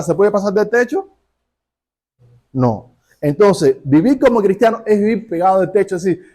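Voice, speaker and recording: Man, pastor preaching, storytelling, rhetorical questions, slightly high voice. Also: warm tone. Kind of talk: sermon.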